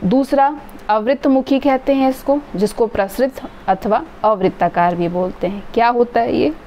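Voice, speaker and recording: A woman's voice: on the high side, moderate pace, warm tone. A woman teaching an exam-prep grammar lesson, explaining step by step and drawing out sample sounds. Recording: dull lo-fi recording with faint noise.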